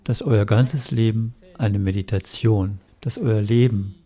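Male interpreter with a warm, mellow voice, steady and measured. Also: fairly low pitch. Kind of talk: interpreting a sermon.

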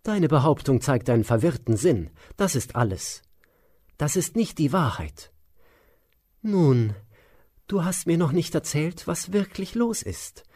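A man voicing a gentle queen who asks anxious questions. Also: fairly high pitch, big pitch swings, unhurried, pitched above the performer's own voice. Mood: calmly reproving. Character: alarmed but gentle queen, woman.

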